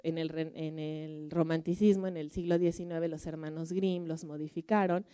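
Mexican woman lecturing at a museum, warm smooth voice, chatty storytelling. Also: low voice, little pitch movement, normal speed. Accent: Mexican Spanish. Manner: conversational, storytelling, frequent tag questions. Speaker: museum curator giving a lecture. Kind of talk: public lecture.

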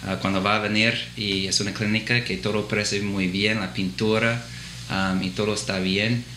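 Speaking Spanish he learned in the Dominican Republic, a thirties-aged American physician assistant, English being his first language, answers interview questions in a clinic office. His lowish voice stays level and sharp at normal speed, broken up by many fillers and restarts. The room sounds reverberant, with a little hiss or hum.

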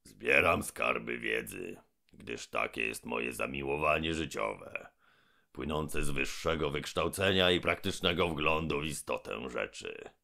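A colossal robber creature with a diploma speaks in a storybook, as a man puts him on. The voice sits very low and gravelly, dragging out each word with pompous, menacing weight. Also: animated, a little slow, sharp tone, exaggerated voice. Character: huge pompous robber monster with diploma, male. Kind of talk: audiobook character voice.

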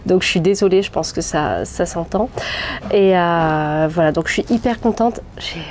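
Holding a phone at arm's length, a woman in her thirties with a head cold vlogs her balcony plants on a small, sunny balcony, talking casually with lots of fillers and restarts. Her lowish voice is a little mellow at a moderate pace, with a bit of hiss or hum in the recording.

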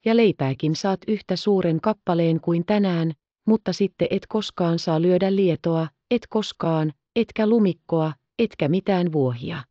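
A woman voicing an excitable, tender-hearted little orphan girl in an audiobook, exclaiming and pleading. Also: fairly low pitch, no echo, highs cut off, lightly acted. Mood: earnest. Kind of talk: audiobook character reading.

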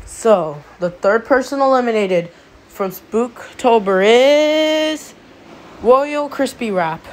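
A woman's voice: on the high side, animated, slow, darkish tone. A woman voicing a bossy object who hosts a homemade cartoon contest, announcing challenges and results. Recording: noisy home recording.

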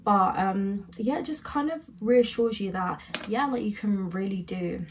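A woman's voice: mid-range voice, unhurried, slight background noise. A young woman from the UK chatting casually in a rambling storytime vlog, saying "like" constantly. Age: young adult. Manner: rambling, heavy use of "like". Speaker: vlogger.

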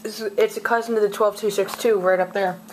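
In a casual handheld show-and-tell filmed at a home desk, a video host displays a collection in a mid-range voice with fairly even intonation. They speak haltingly, often coughing or clearing their throat, and the camera's built-in mic gives noisy audio with clicks.

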